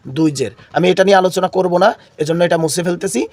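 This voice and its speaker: Speaking fast in a high-sitting voice with a darkish tone, a coughing, ill man runs a Quran reading class. He says key words again and again and gets his students to repeat them back.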